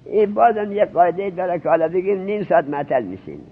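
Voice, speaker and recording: A man's voice: high voice, lively intonation, breathy edge. A man teaching a seminary grammar class, questioning and drilling his students as he explains. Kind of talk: Arabic grammar lesson in Persian. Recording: tinny lo-fi narrowband recording.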